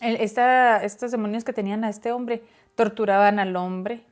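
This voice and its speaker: A woman's voice: medium pitch, steady tone, normal speed. Woman explaining Bible verses. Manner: reads verses aloud and explains them, with restarts. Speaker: Bible study co-host. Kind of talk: casual Bible discussion.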